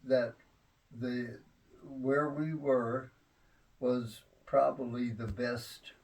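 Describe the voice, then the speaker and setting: An elderly man reminiscing in a rambling grandpa way about family history, halting often and repeating his words. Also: medium pitch, fairly even intonation, gravelly, recorded from a distance, low-quality recording. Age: 70s or older.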